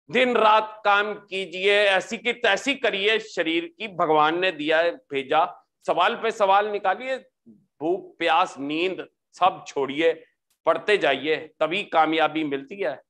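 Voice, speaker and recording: A man giving a maths lecture, animated and repetitive, often pausing to ask for agreement. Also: a little high. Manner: animated, repeats "ठीक है जी", mixes English into speech. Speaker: maths teacher. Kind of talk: classroom lecture with pep talk.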